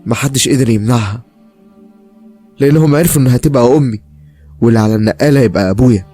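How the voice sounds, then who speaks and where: Fast-paced Egyptian male storyteller. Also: medium pitch, dark tone, soft background music. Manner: dramatic, emotional first-person telling. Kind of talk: scripted story narration.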